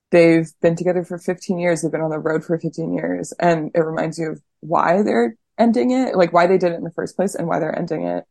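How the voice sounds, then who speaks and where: A woman's voice: low-pitched, darkish tone, no room sound, clean studio sound. A woman guest on a podcast, talking casually and thoughtfully, hesitating often and saying "like" a lot. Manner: thoughtful, hesitant, heavy use of "like". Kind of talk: casual chat.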